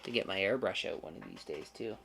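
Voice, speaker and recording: A man's voice: sits low, a little fast, vocal fry, a bit bright, slight background noise. A man hosting a casual livestream, chatting with viewers and making sarcastic, joking asides. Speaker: channel host.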